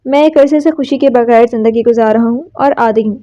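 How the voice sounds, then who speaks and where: A woman's voice: on the high side, warm tone, natural voice. Abbas, a weary resigned young man, read by a woman. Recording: slightly dull lo-fi recording.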